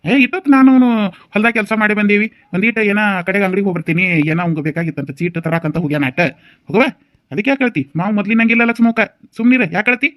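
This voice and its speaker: Guy doing a young village brother, higher voice, teasing and coaxing, north karnataka accent. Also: lively intonation, rapid-fire, fairly bright tone, dry recording, studio quality. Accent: North Karnataka Kannada. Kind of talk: cartoon voice acting.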